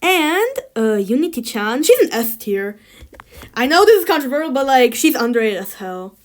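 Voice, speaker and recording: A woman's voice: high-pitched, very animated, moderate pace. A woman ranking things in a tier list, chatting casually and giving blunt opinions with lots of filler words. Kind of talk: casual chat.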